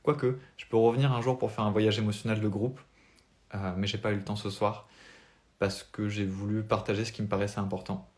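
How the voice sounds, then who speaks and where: A man's voice: on the low side, level tone, a little fast, a little mellow. A young French man with a French accent, a spiritual life coach giving an earnest, motivational talk on a live stream without notes.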